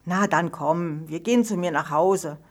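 A woman's voice: on the low side, measured pace. A woman reading a storybook, voicing an anxious, earnest young girl in a raised, pleading voice.

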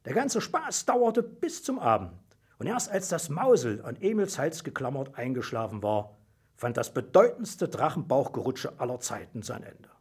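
A man reading a children's story aloud in a lively, sing-song way. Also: mid-range voice, moderate pace, breathy edge.

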